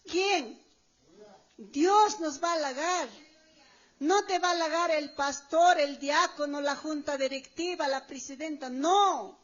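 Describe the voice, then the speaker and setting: High-voiced woman preaching a sermon. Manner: emphatic, drawn-out exclamations, addresses congregation. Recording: dull lo-fi recording.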